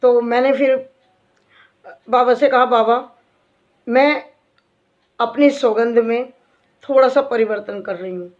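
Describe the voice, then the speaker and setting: A woman's voice: a little high, slow, pauses often. A middle-aged woman, a devotee and bhajan singer, telling an emotional faith story to fellow devotees in a heartfelt, earnest way. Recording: dull lo-fi recording.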